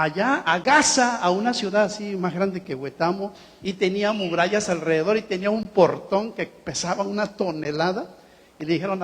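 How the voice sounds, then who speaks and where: A man preaching a lively sermon, his voice sitting high for a man. He acts out the quotes with dramatic swings in tone and laughs from time to time. The church hall gives his voice a long, ringing reverb.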